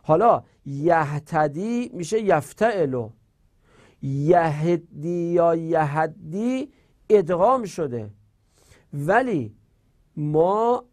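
A male teacher giving a grammar lecture, reciting verb forms in slow drills and posing rhetorical questions. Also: a little high, big pitch swings, darkish tone.

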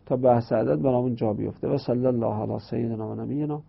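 A man delivers a grammar lesson at a middle pitch, his voice gravelly with fry. He brings the rules to life by acting out playful dialogues. The recording is dull and lo-fi. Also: fairly even intonation. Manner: explains with playful dialogues between letters. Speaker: teacher of Arabic grammar. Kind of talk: classroom lecture.

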